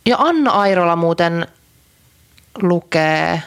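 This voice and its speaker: A woman's voice: fairly low pitch, expressive, clear, resonant tone. A young adult woman co-hosting a podcast, chatting in a rambling way with many fillers and restarts. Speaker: podcast co-host. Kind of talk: casual chat.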